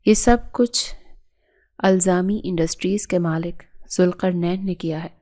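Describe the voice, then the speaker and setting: A woman's voice: fairly low pitch, steady tone, warm tone, natural voice. A woman voicing a respectful male assistant in an audio story, explaining urgently.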